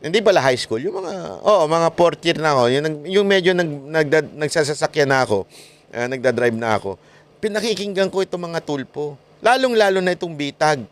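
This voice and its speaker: Animated, high-pitched Filipino political vlogger. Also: male voice, brisk. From Philippines. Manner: mocking, laughing, mimics critics in a high voice.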